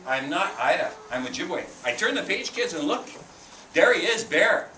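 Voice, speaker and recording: A man's voice: sits high, moderate pace, slight background noise. A man, an author and storyteller, reading his picture book to a group of children in a school room, asking them questions as he goes. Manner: animated, talks to the children, asks questions. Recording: roomy, distant mic.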